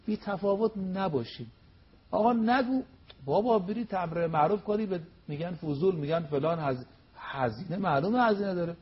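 A man's voice: high-pitched, slightly rough, lo-fi sound. A man preaching on a religious TV program, emphatic and full of rhetorical questions. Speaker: cleric guest on religious TV program.

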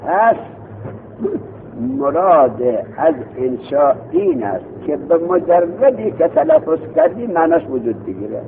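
Quizzing students in a seminary grammar class, a male teacher echoes their answers in a slightly high, sing-song voice. The tinny, phone-like lo-fi audio carries a bit of hiss or hum.

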